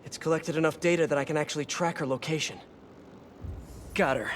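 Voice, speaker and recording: Man playing a high-voiced, wry young superhero. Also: fairly even intonation, fairly quick, a little hiss or hum, natural voice. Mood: determined. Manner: conversational, wry, quippy asides to himself. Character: earnest, wisecracking young male superhero.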